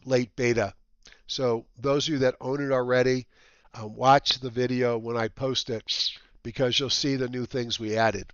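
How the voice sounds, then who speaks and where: A man with a whistling nose hosting a market update as a trading educator, talking casually and haltingly with rambling asides. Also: medium pitch, fairly bright tone, no room sound. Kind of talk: casual semi-scripted market commentary. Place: dry room at home. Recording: slightly dull, lo-fi dry recording.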